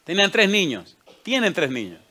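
A man's voice: high-pitched, big pitch swings, moderate pace, sharp tone. A man preaching a sermon as a pastor. He asks the congregation rhetorical questions and acts out the people in his stories. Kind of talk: sermon with acted-out anecdotes.

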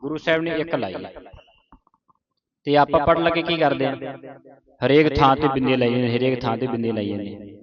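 A man teaching a class how to pronounce scripture. He recites slowly, syllable by syllable, corrects common mistakes and keeps checking that the class understands. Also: mid-range voice, fairly even intonation, a crowd in the background. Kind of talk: pronunciation lesson. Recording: dull lo-fi sound with a class answering.

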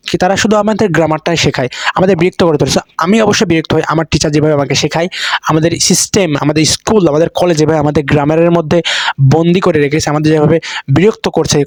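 A young man with a Bangladeshi accent giving advice on learning English in a casual talk to camera, talking in quick repetitive runs and mixing in English words. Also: fairly high pitch, no room sound.

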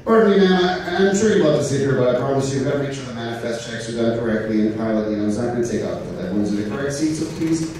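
A man's voice: medium pitch, animated, rapid-fire, hardly any pauses, a little mellow, lightly acted. A man playing a courteous, patient airline crew member who formally placates a passenger in a stage joke. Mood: placating. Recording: echoey theater PA, distant, noisy.

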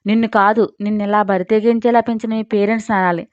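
A woman's voice: medium pitch, steady tone, quick pace, a little mellow, no echo, natural voice. A woman voicing an arrogant, hot-tempered young male college student who scolds harshly and with contempt. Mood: contemptuous. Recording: dry, slightly dull recording.

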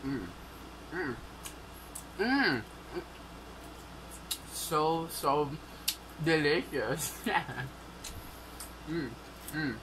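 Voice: mid-range voice, animated, drawn-out words, long pauses, a bit bright, poor audio. A vlogger with a Filipino accent, chatting and humming between bites, chewing while talking in an indoor room. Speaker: mukbang vlogger. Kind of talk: casual chat while eating on camera. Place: indoor room with air conditioner. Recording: air conditioner noise behind.

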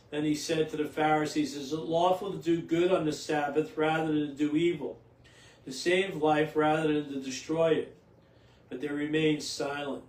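An older priest's fairly high voice reads scripture and then preaches in a small home chapel. He sits back from the camera, so the sound carries a roomy echo. His readings are steady and measured, and his homily is looser, with repeated words and restarts. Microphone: camera a few feet away. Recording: roomy echo, distant from the mic.

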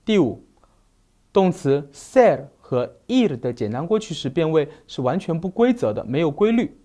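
A man teaching a recorded grammar lesson, slowly listing verb forms one by one. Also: a little high, big pitch swings, mellow. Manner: slow, deliberate, spells out verb forms one by one. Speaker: Spanish teacher.

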